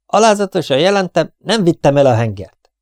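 A man doing an eager young soldier in a storybook reading, his voice lifted well above the narrator's, bright and pushing forward. He answers every question in earnest, dutiful bursts, recorded dry and close. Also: a little high, big pitch swings, no room sound, pitched above the performer's own voice. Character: eager young male soldier, politely insistent.

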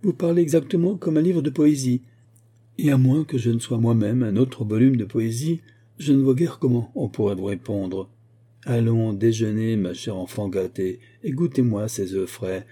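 A man's voice: moderate pace, mellow, husky, lightly acted. A man voicing a fussy, doting old female nurse who rambles on in a fairy-tale audiobook. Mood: fussing doting. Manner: fussy rambling, raised pitch.

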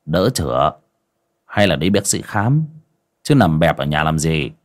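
A man's voice: a bass voice, lively intonation, voice pushed down. A man voicing a blunt, brusque village shaman who speaks plainly and curses freely. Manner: brisk, blunt, earthy.

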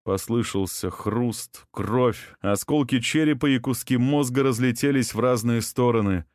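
A man reading a dramatic audiobook with a tense, expressive delivery. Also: medium pitch, unhurried, no echo, studio quality. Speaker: audiobook narrator.

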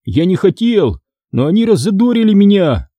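A whiny, boastful young boy from a spooky storybook, talking in a raised, sulky voice, as a man reads his part. The voice stays dark and a bit husky, with a dry sound. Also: sits high, big pitch swings, moderate pace, no room sound, pitched above the performer's own voice. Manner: whining and protesting.

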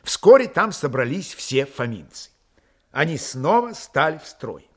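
Man reading a classic novel aloud, expressive and dramatic, voice bounces around a lot. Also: a little high, measured pace. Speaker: audiobook reader. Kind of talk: literary audiobook narration.

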